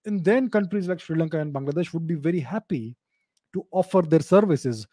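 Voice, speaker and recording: Man explaining, dark and dry close-mic voice. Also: on the high side, no room sound. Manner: measured, explanatory, repeats key points. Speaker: host answering live video call questions. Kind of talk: live video chat Q&A on geopolitics. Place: home study with bookshelves. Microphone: studio mic on a boom arm, close.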